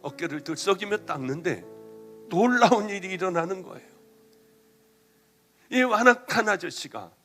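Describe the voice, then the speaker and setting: A middle-aged male pastor giving an emotional sermon testimony, moving between loud passages and hushed ones. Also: high voice, expressive, normal speed, long pauses, soft background music.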